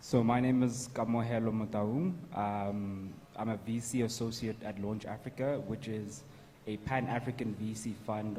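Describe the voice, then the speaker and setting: A man with a low, very even voice introduces himself on a panel. The sound is echoey, from a hall with slight noise. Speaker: panelist, venture capital associate.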